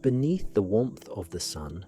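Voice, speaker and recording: A man narrating a sleep story in a gentle, hushed, soothing way, guiding the listener to relax without any hurry. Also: fairly low pitch, sing-song, faint music behind. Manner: gentle, hushed, unhurried guided-relaxation delivery.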